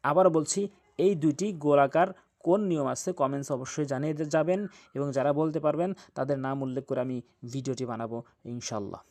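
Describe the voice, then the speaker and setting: A man teaching Quran recitation slowly, spelling out each syllable and repeating rules patiently. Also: on the high side, steady tone, darkish tone. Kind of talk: slow spelled-out recitation lesson.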